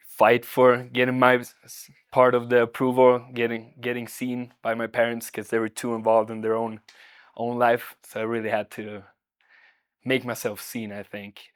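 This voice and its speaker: A man from Sweden, a nurse, speaking in a reflective documentary interview, searching for words with many pauses and fillers. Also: mid-range voice, clean tone, no room sound, studio quality.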